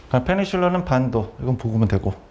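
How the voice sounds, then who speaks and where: A middle-aged man lecturing on vocabulary and grammar, repeating key terms and quizzing students with quick questions. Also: medium pitch, big pitch swings, a little mellow, lo-fi sound, slight background noise. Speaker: academy director teaching vocabulary.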